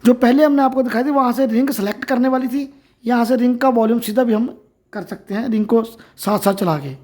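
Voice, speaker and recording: A man's voice: very high-pitched, steady tone, fairly quick, darkish tone. An Indian man giving an informal phone tutorial, explaining each step as he goes. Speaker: tutorial presenter.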